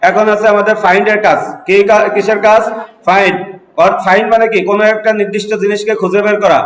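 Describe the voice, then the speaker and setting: A high-pitched man leads a computer lesson. He asks the room a question, then answers it himself, step by step. His voice echoes around the classroom. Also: little pitch movement, fast.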